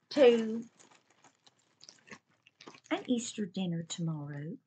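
A woman's voice: medium pitch, a bit bright, breathy edge. A woman chatting casually to the camera at home about a shopping haul, gushing and repeating herself as she talks. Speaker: vlogger reviewing a shopping haul. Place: at home with her pets nearby.

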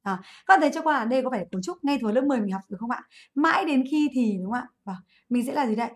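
Chatty teacher, a woman, higher voice. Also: expressive, racing. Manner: chatty, asks students to comment, corrects her own slips. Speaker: English teacher. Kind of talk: live online class, going over an exam.

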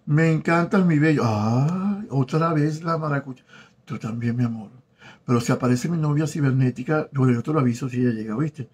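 A Venezuelan man in his 40s, a former telenovela actor, hosts a casual live-stream chat from his home in South Florida. His husky, mid-pitched voice is warm and affectionate, even flirtatious, as he reads viewers' comments and haltingly says their names aloud.

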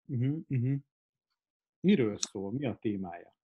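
A man's voice: mid-range voice, expressive, narrow, tinny audio, slight background noise. A man telling rambling anecdotes in a casual live pub chat, with many fillers.

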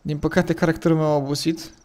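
A man with a Romanian accent chatting casually as he plays and thinks aloud, his voice a little hoarse from the early morning. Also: fairly high pitch, little pitch movement, darkish tone. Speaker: gaming commentator. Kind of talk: casual gameplay commentary.

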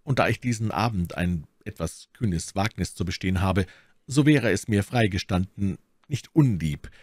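A man voicing a spirited young swordsman who teases friends, animated, dry close sound. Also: lowish voice, moderate pace, dry recording. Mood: hearty. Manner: bold, bantering. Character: eager young hot-blooded male musketeer.

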